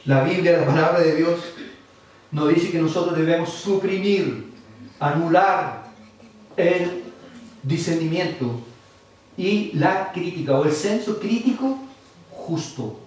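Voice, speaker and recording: A man with a Chilean Spanish accent preaching a sermon as pastor, lively and acting out other people's voices. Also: a little high, slow pace, pauses often, slight background noise. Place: church. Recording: far-off mic in echoey church hall.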